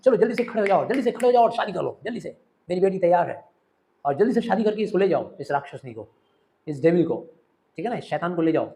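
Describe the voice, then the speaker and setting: A man voicing an excitable old father in a play reading, barking loud, repeated commands. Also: high voice, vocal fry, exaggerated voice. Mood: pushy. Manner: loud blustering outbursts, rapid repeated commands.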